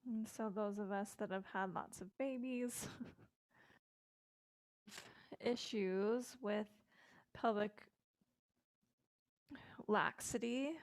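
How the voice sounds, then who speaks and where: A middle-aged woman guiding a yoga session with calm, gentle instructions and casual fillers, recorded indoors on a close mic. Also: mid-range voice, drawn-out words, pauses often, dry recording.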